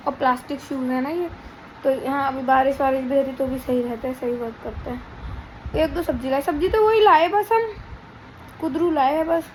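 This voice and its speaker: A woman's voice: sits high, darkish tone, a little hiss or hum, low-quality recording. A young pregnant woman, chatting casually in a rambling home vlog. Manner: chatty, rambling, teasing her husband. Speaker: vlogger. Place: home indoors.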